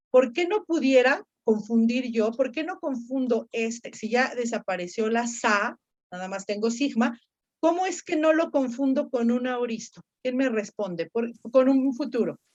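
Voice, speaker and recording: A woman's voice: fairly high pitch, animated, a little slow, darkish tone, lo-fi sound. A woman teaching Ancient Greek grammar, explaining patiently step by step and quizzing her students. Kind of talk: online grammar lesson.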